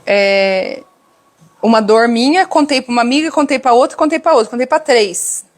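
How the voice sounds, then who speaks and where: Brazilian lady preaching to the girls on a live stream, animated, slightly high voice, talks right at her viewers. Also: normal speed. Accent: Brazilian Portuguese. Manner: animated, addresses viewers directly, acts out quoted voices.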